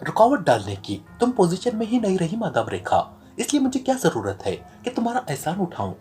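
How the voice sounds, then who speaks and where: A man voicing a stern, sharp-witted male secret agent, reading in a serious tone from an audio novel. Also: sits high, wildly swooping pitch, fairly quick, faint music behind.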